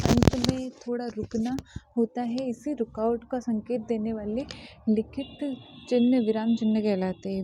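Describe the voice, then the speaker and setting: A woman teacher explaining a grammar lesson step by step, often pausing to repeat terms. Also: fairly high pitch, dark tone, dry recording. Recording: dull lo-fi sound.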